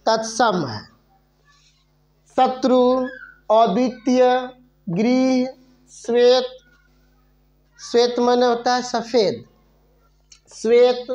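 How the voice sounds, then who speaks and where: Slow-speaking woman teaching grammar. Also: fairly high pitch, a little mellow. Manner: slow, repeats words, asks and answers own questions. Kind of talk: Hindi grammar lesson.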